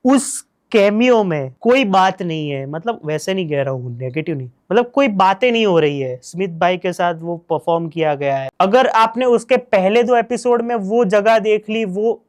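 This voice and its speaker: A man's voice: high voice, expressive, normal speed, hardly any pauses. A man with a Gujarati accent talking through a series review in a casual, enthusiastic way, repeating praise and mixing in English phrases.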